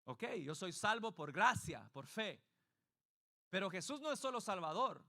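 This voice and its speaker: A man's voice: sits high, sing-song, a little slow, bright, forceful tone. A man preaching a sermon as pastor, emphatic and putting direct questions to the congregation. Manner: emphatic, varied delivery.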